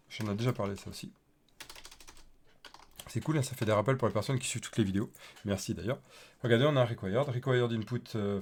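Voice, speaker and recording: A man's voice: medium pitch, darkish tone. A man teaching a casual live coding tutorial, chatty and thinking aloud with many fillers as he types. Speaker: developer teaching a coding livestream.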